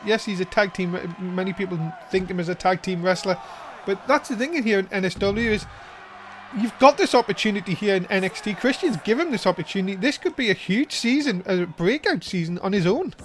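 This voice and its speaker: High-pitched male wrestling commentator, noisy recording. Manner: breaks into drawn-out excited shouts at big moves. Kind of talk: play-by-play wrestling commentary, informal.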